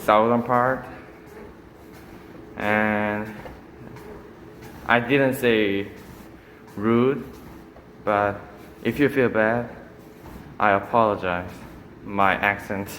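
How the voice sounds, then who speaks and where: A Korean man from Busan with a Korean accent tells a casual vlog story in hesitant English, pausing often, while exercising on a treadmill. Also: on the low side, a bit bright. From Busan, South Korea. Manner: halting, hesitant English with long pauses. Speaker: vlogger. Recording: long echoey reverb with background noise.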